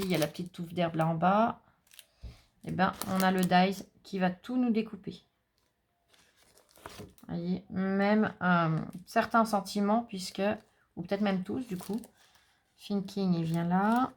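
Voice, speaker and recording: A woman's voice: mid-range voice, fairly even intonation, a little slow, long pauses. A French woman chatting casually to viewers as she unboxes craft supplies, enthusiastic and talkative. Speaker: craft vlogger.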